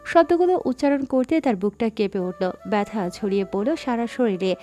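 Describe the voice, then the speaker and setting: A woman's voice: fairly high pitch, lively intonation, moderate pace, dark tone. Woman narrating an audio story over music.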